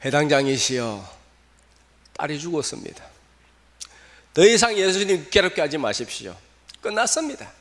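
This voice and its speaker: A man's voice: a little high, sing-song, normal speed, pauses often, a bit bright. A male pastor voicing a blunt male messenger who insists there is no hope left and repeats himself. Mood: hopeless. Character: blunt male messenger bearing hopeless news. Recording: long reverb of a church hall.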